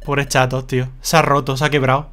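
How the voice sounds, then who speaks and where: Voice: mid-range voice, level tone, fairly quick, a bit bright. A streamer from Spain making casual, mocking asides while playing a video game. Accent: Spain Spanish. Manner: mocking, offhand, slangy. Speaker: let's play streamer.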